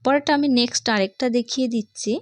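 Speaking quickly and at a fairly high pitch, a woman with a Bangladeshi accent teaches young children an English reading lesson. She patiently repeats each point and asks the class questions, and there's no room sound.

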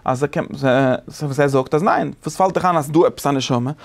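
A man teaching a casual study lesson, animated and thinking aloud with many restarts. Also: on the high side, a little fast.

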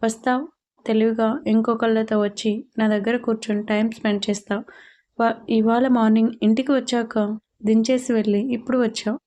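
A woman's voice: a little high, flat delivery, a little fast, dark tone, close to an everyday voice. A woman voicing a young pregnant wife who talks in a plaintive, reproachful way.

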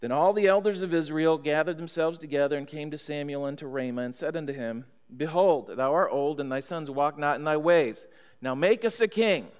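American pastor teaching in a reverberant church. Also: male voice, on the high side, clear, resonant tone. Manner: teacherly, checks in with listeners, reads scripture aloud. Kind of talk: Bible study lesson. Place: church sanctuary at a pulpit. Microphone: stand mic on pulpit, far camera. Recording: long church hall reverb.

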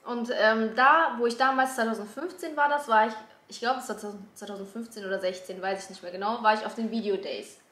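A young woman talks casually, feeling her way through explanations in loose slang. Her voice sits a little high, and the room around it is echoey. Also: brisk, few pauses, fairly bright tone. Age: 20s. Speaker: YouTuber guest. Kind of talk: casual chat. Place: small room at a dining table. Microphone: camera a few feet away. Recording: echoey room, camera at a distance.

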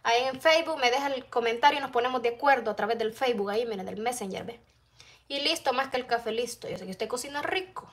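A woman's voice: on the high side, fast talker. A middle-aged woman, chatting casually on a phone live stream from her home kitchen while cooking and reading out viewers' comments. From El Salvador. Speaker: vlogger. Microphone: phone camera close-up.

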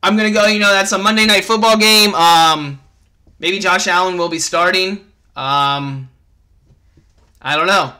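A man's voice: high-pitched, unhurried, pauses often, bright, forceful tone. Fired-up young man ranting about sports. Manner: fired-up, swearing, rambling. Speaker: podcast host. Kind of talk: casual sports rant.

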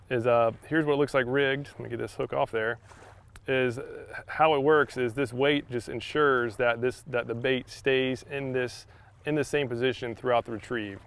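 A young man giving a casual fishing tutorial outdoors on a beach, talking in a relaxed way with many fillers and repeated words. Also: medium pitch, moderate pace, creaky, smooth. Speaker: fishing instructor. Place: sandy shoreline outdoors by open water.

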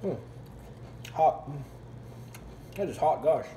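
A man's voice: fairly high pitch, lively intonation, slow, mellow, reverberant, slight background noise. A man reviewing food in a casual vlog, talking with his mouth full of hot food and blurting short reactions between bites.

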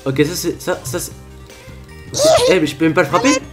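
A man giving excited gameplay commentary as a gaming YouTuber, repeating his phrases over and over and talking to his subscribers. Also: fairly high pitch, fairly quick. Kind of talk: live Minecraft gameplay commentary. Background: background music.

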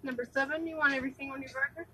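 A woman at a fast-food window takes orders through a drive-thru speaker, her high, bright voice rattling off scripted lines at speed. She sounds far off, picked up from inside a car parked at the speaker box. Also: steady tone. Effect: heard through a drive-thru speaker. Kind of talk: quick scripted service talk.

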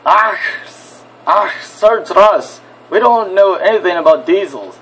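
A man's voice: sits high, lively intonation, fairly bright tone, slightly rough, exaggerated voice, poor audio. A man putting on chatty twin Scottish engines. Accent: put-on Scottish, slipping. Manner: halting, frequent restarts.

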